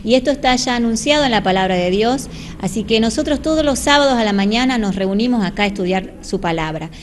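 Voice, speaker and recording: A woman's voice: on the high side, expressive, fast, slight background noise. A woman in her forties giving an earnest local TV interview in a church hall, speaking into a handheld mic and inviting people in. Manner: earnest, inviting, slips into preaching. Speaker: church volunteer. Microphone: handheld reporter mic.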